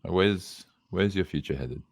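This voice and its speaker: A man hosting a podcast, asking short relaxed interview questions. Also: deep voice, moderate pace, gravelly, a little hiss or hum. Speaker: podcast host.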